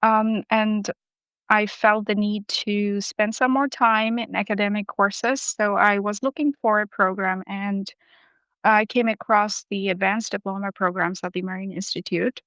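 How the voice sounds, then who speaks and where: A woman's voice: medium pitch, steady tone, a little slow, fairly bright tone, smooth, dry recording, low-quality recording. A young woman from Bangladesh, a guest in an interview, speaking thoughtfully with frequent ums and uhs. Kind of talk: casual interview.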